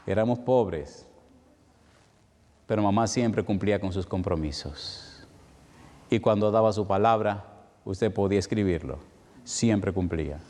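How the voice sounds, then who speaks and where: A middle-aged man with a Dominican accent preaching a sermon, telling a personal story with emotion, slowing for emphasis and then speeding up. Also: lowish voice, dark tone. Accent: Dominican Spanish. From Dominican Republic. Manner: emotional storytelling, shifting between slow emphatic and quick passages. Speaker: evangelist preacher. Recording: long hall reverb.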